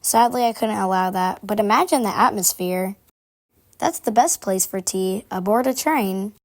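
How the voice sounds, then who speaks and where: Lady doing a prim cartoon train worker, sharing gossip all confiding, formal wording, kinda aloof, mid pitched. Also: normal speed, close to an everyday voice. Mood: gossipy, confiding. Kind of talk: scripted character monologue.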